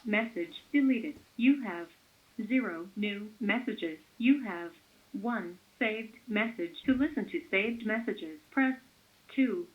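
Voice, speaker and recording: A woman's recorded voicemail prompts, heard through a landline phone speaker and read out in an even, measured way. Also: mid-range voice. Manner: even, measured menu announcements. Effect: heard over a landline phone speaker. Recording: muffled lo-fi phone audio.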